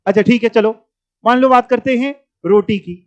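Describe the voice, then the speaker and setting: A man's voice: extremely high pitch, moderate pace, no room sound. A male teacher giving a classroom lecture in a conversational way, mixing in English terms and teasing his students. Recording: dull, dry lecture audio.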